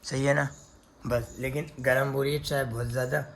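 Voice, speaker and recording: A man's voice: medium pitch, flat delivery, normal speed, gravelly, a bit bright, a little hiss or hum. A young man, chatting casually to camera as a family vlogger, playful and talking to viewers like friends. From Pakistan. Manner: chatty, playful, addresses viewers as guys and brother. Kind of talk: casual vlog narration to camera.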